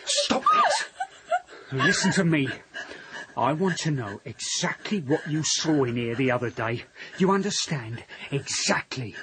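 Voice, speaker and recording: A commanding radio-drama heavy, far lively pitch, noisy recording. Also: male voice, normal speed. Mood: menacing. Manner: harsh, commanding, threatening. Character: menacing middle-aged man bullying a servant girl.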